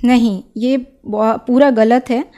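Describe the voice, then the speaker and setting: A young woman from Odisha, giving an earnest, persuasive testimony as an interview guest and often pausing on filler sounds. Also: a little high, fairly even intonation, mellow. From Odisha, India. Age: young adult.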